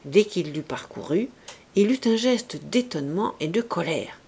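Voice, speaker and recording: A woman reads a classic novel aloud in measured, expressive audiobook narration. Her pitch sits mid-range but rises and falls in lively curves. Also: slightly rough. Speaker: audiobook reader.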